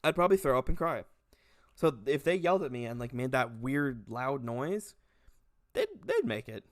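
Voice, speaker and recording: A man's voice: mid-range voice, sing-song, moderate pace, no room sound, clean studio sound. A young man in a casual comedy vlog, ranting animatedly with lots of swearing and laughter. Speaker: video creator.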